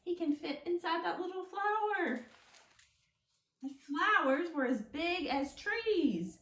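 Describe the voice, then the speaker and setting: Very high-pitched and animated, this woman reads slowly to young children with a fairly bright tone, explaining in a sing-song way and asking simple, encouraging questions. It's a storytime read-aloud and lesson, recorded with a distant mic in an echoey room.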